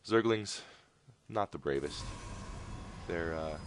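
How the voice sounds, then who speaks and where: A man's voice: low-pitched, slow pace, a little hiss or hum. A man casting a strategy game replay in a casual, rambling way with jokey asides. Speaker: game caster. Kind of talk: casual video game commentary.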